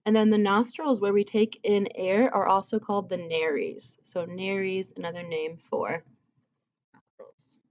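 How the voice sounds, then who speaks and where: Mellow-voiced woman teaching anatomy. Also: medium pitch, steady tone, normal speed. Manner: casual, chatty explaining with fillers like "um" and "like". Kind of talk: recorded classroom lecture. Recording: slightly dull lo-fi audio.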